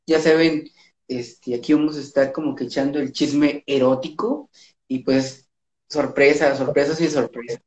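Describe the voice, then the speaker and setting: A podcast co-host with a Mexican accent, reading an erotic story aloud in a drawn-out casual way, laughing and hesitating. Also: mid-range voice, fairly even intonation, a little mellow. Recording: dull, roomy lo-fi recording.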